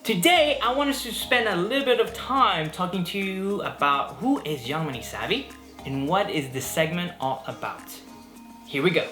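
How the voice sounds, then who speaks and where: A Belgian man in his thirties hosts a casual talk to camera, upbeat and chatty with fillers and jokes. His voice sits high and animated at a moderate pace, in an echoey room over loud music.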